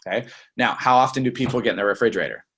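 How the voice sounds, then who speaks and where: A young man runs a sales training session in a relaxed, conversational way. He keeps slipping into sample phone lines, dropping his voice low and then spiking it up to make his point, and he often checks in with the room with a quick "right?". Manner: lively, demonstrates phone lines by acting them out.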